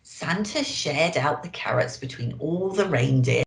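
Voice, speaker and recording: A woman's voice: sits low, animated, measured pace, vocal fry, reverberant, poor audio. A woman reading a children's storybook expressively as a Christmas elf storyteller, with dramatic emphasis.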